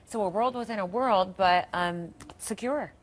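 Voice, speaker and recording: A woman's voice: mid-range voice, unhurried. A woman in her forties anchoring a morning news show, asking curious prompting questions in a studio, on a lapel mic.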